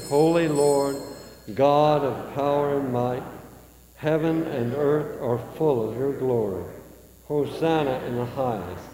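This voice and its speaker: A man leads the Eucharist as priest, his mellow voice moving through the prayer at an unhurried, measured pace. Every phrase rings out with a cathedral echo, a long reverb filling a large church. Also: medium pitch. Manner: slow, measured liturgical recitation.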